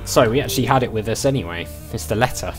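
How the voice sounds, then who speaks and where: A man's voice: lowish voice, lively intonation, fast talker, over music. A man hosting a let's play, thinking aloud in casual, tentative game commentary. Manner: musing, tentative.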